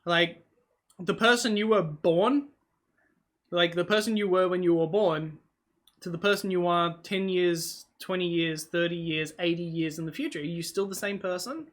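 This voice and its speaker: A vlogger whose first language is Hungarian snacks on camera while rambling casually, musing aloud and drifting between thoughts with plenty of fillers and self-corrections. The voice is medium in pitch and moderate in pace.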